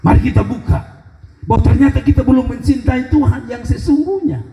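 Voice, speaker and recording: Male pastor, Kupang Malay accent, high lively voice, mellow tone, echoey church hall. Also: fairly quick, creaky. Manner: animated preaching, rising to shouts, mixing local dialect. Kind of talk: sermon.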